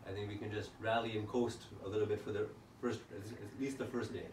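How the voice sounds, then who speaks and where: A man's voice: on the low side, little pitch movement, fairly quick, a little mellow. A man talking informally through game strategy as one of the team's players. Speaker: team player. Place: echoey indoor room, locker room. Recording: echoey, distant mic, faint noise.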